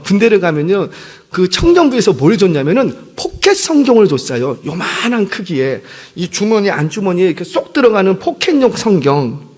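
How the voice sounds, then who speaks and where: A man in his fifties with a husky, slightly breathy voice delivers an evening sermon in a church sanctuary. His pitch rises and falls widely as he tells stories, and the sound carries a long hall reverb. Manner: conversational, animated storytelling with self-deprecating apologies. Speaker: senior pastor.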